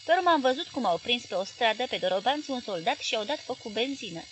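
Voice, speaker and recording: A woman's voice: a little high, expressive, slight background noise, lightly acted. A woman reading the lines of an earnest, loyal young man in an audiobook.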